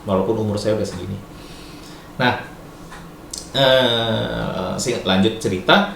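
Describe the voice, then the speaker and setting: A middle-aged man from Indonesia giving casual advice as a vlogger, chatty and lively, slipping in Japanese and English words and laughing often. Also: fairly low pitch, a little slow, creaky. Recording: echoey room, faint background noise.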